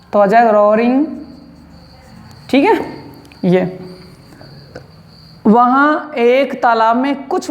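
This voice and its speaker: A woman's voice: fairly high pitch, darkish tone, long reverb tail. A woman teaching English grammar, explaining translation step by step and checking in often with her students. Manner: slow, repetitive, checks in often with rhetorical questions.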